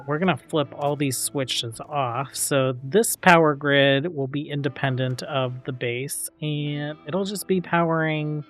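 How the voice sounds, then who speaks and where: A man hosting a let's play, calmly thinking aloud with frequent fillers as he plays a strategy game. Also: mid-range voice. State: hiccups. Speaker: gaming channel host.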